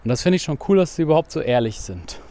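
A man's voice: a little high, big pitch swings, quick pace, warm tone. A man hosting a casual podcast, explaining things with frequent tag questions while he is out running outdoors. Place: outdoors, on the move.

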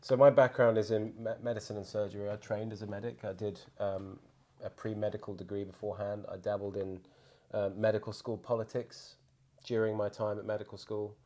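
Low-voiced man from the UK, interview guest. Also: flat delivery, fairly quick, warm tone. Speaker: surgeon, podcast guest. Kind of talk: casual interview talk.

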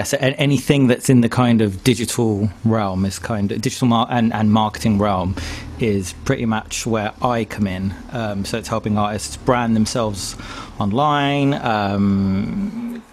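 Bloke, lowish voice, casual podcast chat, lots of ums. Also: male voice. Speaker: podcast co-host, digital marketer. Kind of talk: casual chat about career.

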